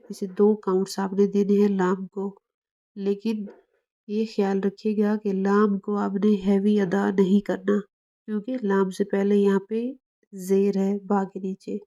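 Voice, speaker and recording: A woman's voice: mid-range voice, warm tone. A woman teaching Quran recitation rules, explaining patiently and demonstrating each sound. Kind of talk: tajweed lesson.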